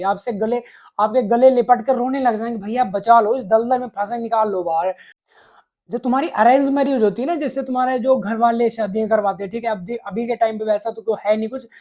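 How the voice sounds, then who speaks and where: A man's voice: very high voice, darkish tone. A man delivering a blunt, crude, scolding advice monologue straight to the viewer, peppered with swearing. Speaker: relationship advice vlogger.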